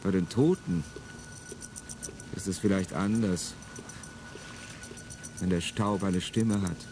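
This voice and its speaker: A man speaks slowly in a deep, steady voice over a noisy background. He's an actor in a classic radio drama, voicing a bitter revolutionary who broods and builds into angry outbursts while music plays behind him.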